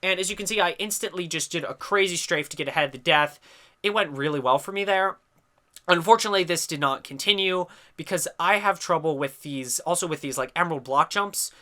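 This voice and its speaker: A young gaming commentator records chatty, explanatory commentary over gameplay footage, often trailing off with "I don't know." A sinus infection leaves him stuffy and congested. His voice is a little high, a little fast, and pushed and bright.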